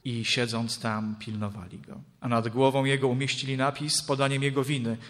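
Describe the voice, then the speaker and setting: A man reading Scripture and preaching in a solemn, measured way, with dramatic rises in his voice. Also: mid-range voice, level tone, fairly bright tone. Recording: long hall reverb.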